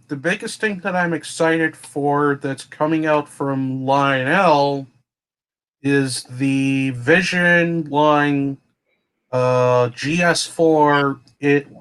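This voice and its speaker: A man drifts through long, unhurried explanations in casual chat, his voice pitched a little high. He pauses often and fills the gaps with "um" and "uh". He comes through as if over a video call. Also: fairly bright tone, clear, resonant tone. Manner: slow, meandering explanations with many fillers. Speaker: guest on train livestream.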